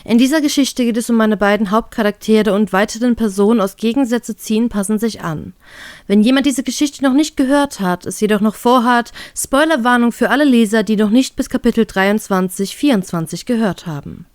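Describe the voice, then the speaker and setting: A woman reading a fan story aloud in steady first-person narration. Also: fairly high pitch, a little fast, dry recording, studio quality. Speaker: fanfiction reader.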